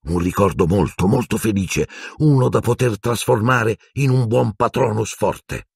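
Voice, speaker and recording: A man voicing an earnest, shaken teenage boy wizard in an audiobook, pitched well up and urgent. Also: unhurried, gravelly, husky, dry recording, studio quality, heavily acted. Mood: determined. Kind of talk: audiobook character voice.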